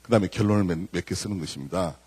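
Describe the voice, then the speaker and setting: A middle-aged man giving a lively sermon-style lecture to a church congregation, telling stories and acting out the voices of the people in them. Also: low-pitched, rapid-fire, slightly rough. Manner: animated storytelling, acting out quoted voices; addresses the congregation directly. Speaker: guest speaker at a church service.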